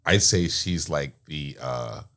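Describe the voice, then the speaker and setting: A man's voice: a bass voice, slow pace, a bit bright. A man hosting a casual talk show, jovial, steering the guests with questions. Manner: jovial, asks probing questions. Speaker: host.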